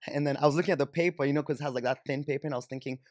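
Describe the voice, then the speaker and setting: A young man with a Kenyan accent, appearing as a podcast guest, speaks rapid-fire in a slightly mellow, mid-range voice with fairly even intonation. He shares personal stories informally, frequently saying "like" and "you know," from a sofa in a small indoor podcast studio. A close studio mic on a boom arm captures dry, studio-quality sound.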